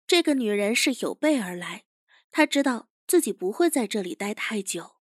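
Woman narrating an audio drama, high and bouncy, dry studio sound. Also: lively intonation, normal speed, dry recording.

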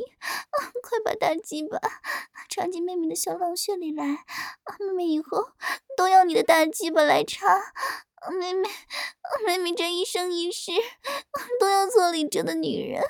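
Erotic audio drama: woman voicing a pleading, moaning adult woman, very high pitch, close dry mic. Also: very slow, pauses often, bright, forceful tone, dry recording, full character voice. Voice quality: breathy, moaning, tearful. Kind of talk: erotic audio story acting.

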